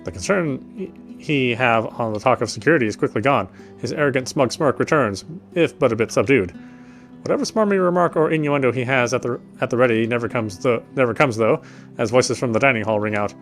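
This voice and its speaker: A male let's player with a medium-pitched voice reads game narration aloud at a brisk clip. He comments casually and sometimes stumbles on words while light music plays in the background.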